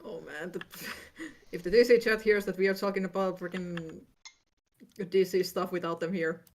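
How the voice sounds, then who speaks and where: A woman's voice: fairly low pitch, steady tone, moderate pace, darkish tone, slight background noise. A woman co-hosting a podcast, in casual chat, joking in a playful, laid-back way. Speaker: podcast co-host.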